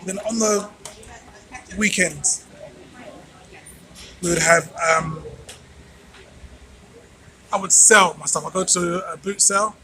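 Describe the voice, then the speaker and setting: This channel host's voice is high-pitched, bright, and forceful, and he takes it slowly with long pauses. The rough recording carries a little hiss or hum. Standing on a street at night, he vlogs an informal motivational monologue, emphatic and preacher-like, repeating phrases for effect.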